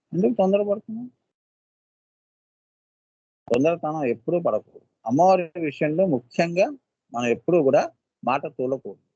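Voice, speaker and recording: Male spiritual teacher, high voice, dry and dull lo-fi sound, leans on rhetorical questions. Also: no room sound. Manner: peppers talk with rhetorical questions to listeners; acts out short quoted voices of devotees. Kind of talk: devotional discourse.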